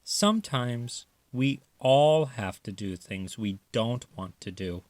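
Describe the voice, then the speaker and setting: A man voicing a gentle, reassuring mother raccoon in a tender, soothing manner for a children's storybook. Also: medium pitch, lively intonation, takes it slowly, no room sound.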